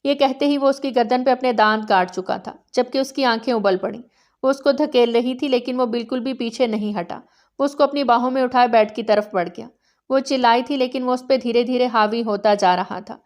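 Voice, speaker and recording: A woman narrating a romance novel in a steady, dramatic reading style. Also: a little high.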